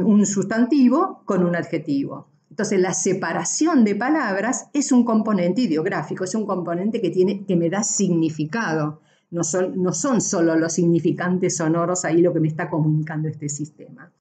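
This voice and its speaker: A woman lecturer walks through a class in a mellow, fairly low voice. She explains step by step, checks in with frequent tag questions, and corrects herself as she goes. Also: moderate pace. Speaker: university lecturer.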